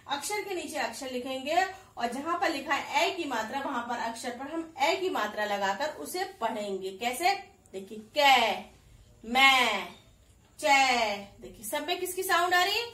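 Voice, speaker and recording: A woman teaching a kindergarten Hindi class online, slowly sounding out syllables, repeating them for the children, and asking and answering her own questions. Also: high voice, fairly bright tone, far from the mic. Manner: addresses pupils as 'beta', asks and answers own questions. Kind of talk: recorded online class lesson. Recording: echoey room, voice a little off-mic.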